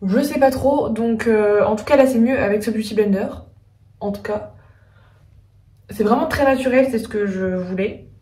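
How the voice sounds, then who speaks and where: A beauty vlogger runs through a casual makeup tutorial, her warm voice pitched on the high side and moving at a moderate pace. She chats as she works, thinking aloud and dropping the filler "euh" often. The room is echoey and she sounds a little distant from the mic.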